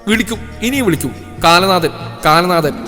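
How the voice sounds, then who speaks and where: A feisty young village woman with a shrill, squealing voice, put on by a male storyteller, full of taunts and stubborn bickering. Her voice jumps far above the teller's own, loud and sharp, with a long reverb and soft music behind it in this storybook reading. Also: fast. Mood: taunting.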